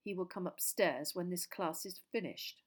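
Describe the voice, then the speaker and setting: A woman voicing a cold, contemptuous male schoolmaster who speaks slowly and clipped. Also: natural voice. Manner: cold, low, slow and clipped.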